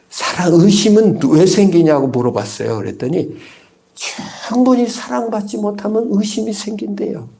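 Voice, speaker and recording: Gravelly high-voiced Korean pastor preaching. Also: male voice, dark tone. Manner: preaches with dramatic swings, acting out quoted voices. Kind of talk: sermon.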